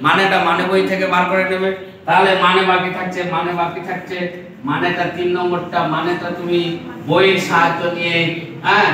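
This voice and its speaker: A man teaches an English classroom lesson, explaining step by step and repeating his phrases. His voice sits high and sounds bright and forceful. The recording is echoey and distant, with a little hiss or hum.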